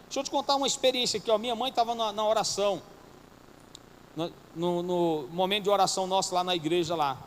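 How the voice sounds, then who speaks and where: A man's voice: sits high, quick pace. A male pastor preaching a sermon, asking the congregation questions and pressing his points with emphasis. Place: church hall. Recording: reverberant church hall, faint noise.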